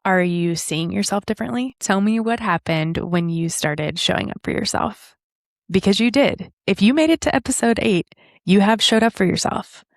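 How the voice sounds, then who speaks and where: A woman hosting a podcast and speaking in an earnest, reflective way. She slows down to stress key lines. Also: medium pitch, expressive, dry recording, clean studio sound. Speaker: podcast host.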